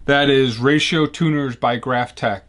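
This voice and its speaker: A man's voice: mid-range voice, unhurried, slight background noise. Man with a Chicago accent in his workshop. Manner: relaxed, matter-of-fact explaining while working. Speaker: guitar builder. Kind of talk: casual workshop how-to. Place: woodworking shop.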